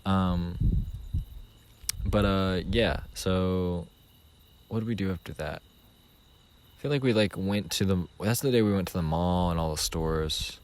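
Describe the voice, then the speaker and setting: Speaking slowly in a low, clear, resonant voice and pausing often, a young podcast co-host wanders through a casual story full of fillers. The chat was recorded at home with a lot of background noise.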